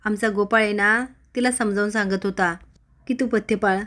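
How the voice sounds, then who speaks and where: A woman's voice: medium pitch, steady tone, moderate pace, a bit bright, lightly acted. A woman voicing an older village matriarch who talks in a scolding, rustic way.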